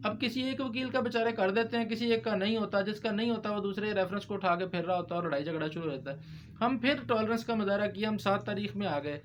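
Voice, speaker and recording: A man with a high-pitched voice talks fast while explaining legal procedure as a lawyer in discussion, mixing in English legal terms. The recording has clear background noise.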